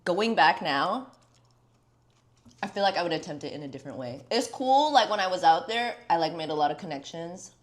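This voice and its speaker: Brisk and animated, a young woman with a fairly low voice hosts a casual podcast chat, speaking candidly, swearing freely and packing her talk with "like."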